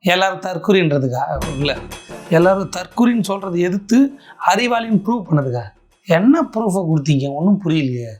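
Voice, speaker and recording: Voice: medium pitch, animated, a little fast, a little mellow. A satirical commentator, giving mocking reaction commentary in a sarcastic, theatrical way.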